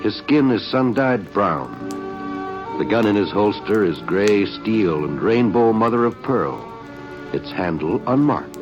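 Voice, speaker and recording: A man announcing a 1950s network radio program, with a booming, emphatic cadence. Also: animated, measured pace. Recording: dull lo-fi old radio transcription with music.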